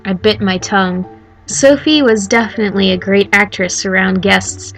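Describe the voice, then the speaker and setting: A woman streamer reading a story game aloud as the heroine, breaking off for animated, sarcastic commentary. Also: medium pitch, moderate pace, faint music behind.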